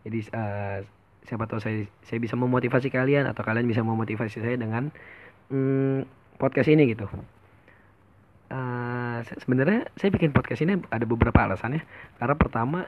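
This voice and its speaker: A man's voice: mid-range voice, a little fast, highs cut off. A young man in his twenties talks through a first homemade podcast episode, casual and meandering. He stops and restarts often, sliding between slangy and polite speech. It is recorded on a phone with a headset mic in a room at his family's home. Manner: rambling, many fillers and restarts, mixes casual and polite speech. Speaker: podcast host. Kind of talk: casual solo podcast monologue.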